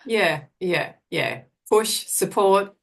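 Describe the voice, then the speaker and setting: A woman host interviewing a guest in a casual chat, friendly and quick to affirm. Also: mid-range voice, lively intonation, vocal fry, fairly bright tone.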